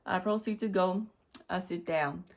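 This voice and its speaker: A woman's voice: fairly low pitch, measured pace. A woman vlogger retelling a work story to camera, emphatic and repetitive with frequent restarts, recorded at home on a USB desk mic. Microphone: USB desk microphone.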